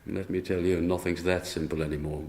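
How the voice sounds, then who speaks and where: A man playing an officious, evasive head angel in a radio drama, speaking in a formal, measured, bureaucratic manner. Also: deep voice, little pitch movement, mellow. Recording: roomy echo, faint noise.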